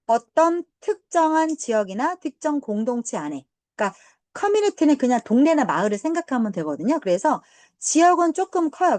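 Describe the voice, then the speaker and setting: A woman English teacher lecturing a high school class, drifting into chatty personal stories. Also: a little mellow, no room sound. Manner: chatty, banmal asides, quick tangents. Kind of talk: lecture mixed with casual storytelling.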